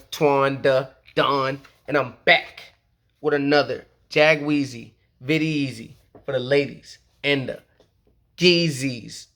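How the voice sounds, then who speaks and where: A sports vlogger records a casual fan video about his football team, slangy and hyped up, peppering his talk with "okay?" and "you feel me?" His mid-range voice is gravelly with a fairly bright tone.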